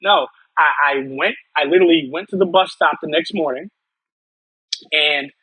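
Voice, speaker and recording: A man's voice: on the high side, moderate pace, pushed and bright, breathy edge, no room sound, rough recording. A man from upstate New York, a podcast guest telling his personal story earnestly, often restarting and repeating words.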